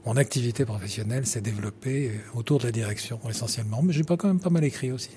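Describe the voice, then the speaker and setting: A middle-aged man who conducts and composes explains his views at length in an interview. His voice sits at an ordinary pitch. A faint hiss runs under the recording. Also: fast, dark tone. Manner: articulate, explanatory. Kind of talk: interview answers.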